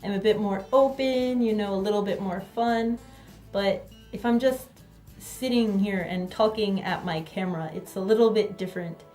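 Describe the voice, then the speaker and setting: With a warm, mid-range voice, a woman whose first language isn't Korean teaches grammar to the camera while seated indoors. She speaks with clarity and care, and soft background music can be heard faintly.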